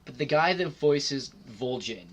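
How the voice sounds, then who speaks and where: A man co-hosting a casual gaming podcast, talking loosely with lots of filler words and frequent throat clearing. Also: medium pitch, animated, a little slow, fairly bright tone, slight background noise. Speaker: podcast co-host.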